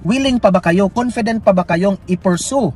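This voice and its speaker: A man's voice: high voice, normal speed, darkish tone, slightly rough. A Filipino man giving heated, mocking political commentary as a news vlogger, urging viewers to like and share. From Philippines.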